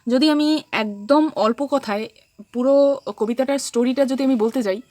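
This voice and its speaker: A woman with a somewhat high voice gives a literature lecture. She explains patiently and slows right down to read lines of verse. The recording is dry and close. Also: warm tone, no echo. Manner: explains in Bangla, mixing in English terms and reading poem lines slowly. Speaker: teacher.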